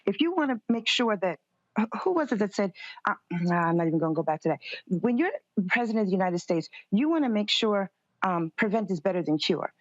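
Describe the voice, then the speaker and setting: A conservative commentator appears as a political interview guest, answering firmly, assertively and guardedly. Her medium-pitched voice swings widely in pitch and runs a little fast. The audio is dry, slightly dull and lo-fi.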